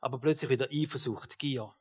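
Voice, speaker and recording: A man with a Swiss German accent preaching a sermon, moving from loud rhetorical questions to quiet, low asides. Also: brisk, slightly rough, long reverb tail.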